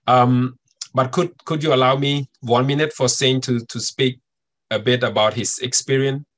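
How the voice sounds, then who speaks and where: A man's voice: mid-range voice, fairly even intonation, normal speed, a bit bright. A man, speaking on a webinar panel as a community organizer, hesitant with many fillers.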